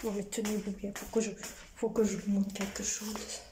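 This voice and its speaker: A woman's voice: mid-range voice, flat delivery, moderate pace, noisy background. A woman vlogging at home as a mother, chatting casually and speaking straight to her viewers.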